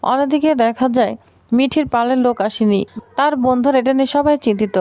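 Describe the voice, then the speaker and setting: Woman narrator, high voice, brisk storytelling, dry close sound. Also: a little mellow, no echo. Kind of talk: retelling a TV serial plot.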